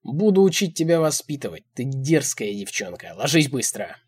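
A man reading an audiobook, voicing a cruel, domineering old man who shouts his orders. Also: medium pitch, big pitch swings, moderate pace, husky, no echo. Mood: commanding. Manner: shouting, bullying.

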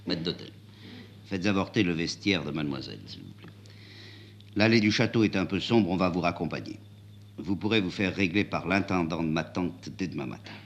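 A man's voice: low voice, fairly quick, slight background noise, voice pushed down. A man reading a haughty young prince. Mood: cold. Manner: stiff, ironic, mannered speech.

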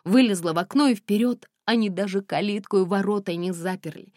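A woman reading a stubborn young runaway bride who talks quickly and emphatically. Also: mid-range voice, a little mellow, dry recording, clean studio sound, voice pushed up, lightly acted. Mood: bitter.

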